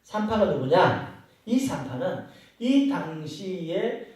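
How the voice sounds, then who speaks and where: A man's voice: high voice, sing-song, slow, a little mellow. A male pastor preaching a sermon, explaining scripture and putting rhetorical questions to his congregation. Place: church sanctuary. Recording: very echoey church hall from far off.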